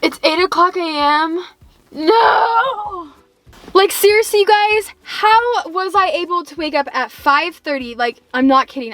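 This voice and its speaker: A young woman vlogger in a casual, comedic rant to viewers, chatty and animated as she complains with exaggerated emphasis. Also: high-pitched, no room sound. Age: late teens to young adult. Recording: music behind the voice.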